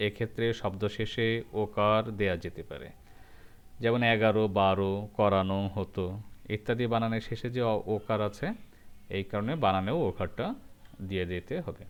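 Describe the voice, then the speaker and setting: A man teaching a grammar lesson, going through rules step by step and repeating each example slowly. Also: lowish voice, clean tone. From Bangladesh.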